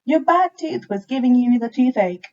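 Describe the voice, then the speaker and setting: Small brave mouse for a picture book , voiced by a woman: raised pitch, eager and helpful, a little muffled. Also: animated, normal speed, darkish tone, natural voice.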